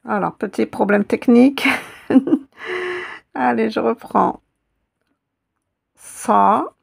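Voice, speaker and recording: A woman teaching an Arabic letter in a slow, step-by-step lesson, patiently repeating sounds for her students. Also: on the high side, vocal fry, slightly rough.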